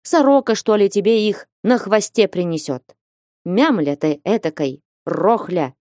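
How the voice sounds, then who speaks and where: A woman voicing a blustering, hot-tempered old male merchant in an audiobook, scolding and shouting. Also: medium pitch, expressive, measured pace, no room sound, clean studio sound, natural voice. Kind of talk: audiobook reading.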